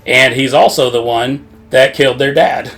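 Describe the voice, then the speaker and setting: A man's voice: medium pitch, normal speed, vocal fry, a bit bright, faint music behind. Brief: male podcast co-host, rambling and profane, laughs a lot. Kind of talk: casual game recap chat.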